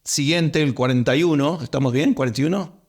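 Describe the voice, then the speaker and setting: A man's voice: fairly high pitch, brisk. A man with a Rioplatense accent preaching a sermon as pastor, stressing points by repeating words. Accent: Rioplatense Spanish.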